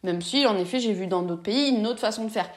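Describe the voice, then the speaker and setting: A woman's voice: mid-range voice, brisk. A woman from France giving an earnest, impassioned monologue straight to her viewers. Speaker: vlogger speaking about neurodiversity. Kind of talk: reflective monologue to camera.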